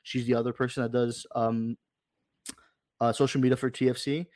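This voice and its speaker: Man, podcast guest, lively storyteller, acts out what people said, mid-pitched voice, dry close sound. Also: moderate pace, dry recording. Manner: animated, retells scenes with quoted dialogue. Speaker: supporters' club president, podcast guest. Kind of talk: casual storytelling.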